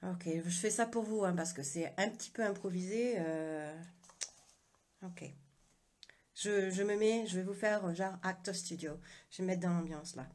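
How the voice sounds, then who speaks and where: Her voice is lowish and darkish, at a moderate pace, as she streams live from her phone for a casual chat. The woman, an author, hesitates often, restarting and filling pauses, and has an unusual accent she claims as her own.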